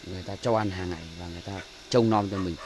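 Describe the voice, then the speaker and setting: A man's voice: sits low, fairly even intonation, rapid-fire, a little mellow, a little hiss or hum. A man with a Northern Vietnamese accent giving a chatty, filler-heavy walkthrough of his bird aviary outdoors, recorded on a handheld camera. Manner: chatty, many fillers and repeated words. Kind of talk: casual walkthrough narration. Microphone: handheld camera mic.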